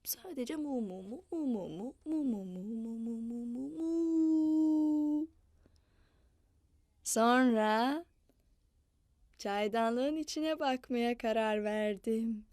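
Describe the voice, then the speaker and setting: Very slow and pausing often, this woman dubs a cheerful kids' entertainer who coaxes children in a sing-song, playful style and moos at them during the story. Her pitch is fairly high with a darkish tone, recorded dry at studio quality.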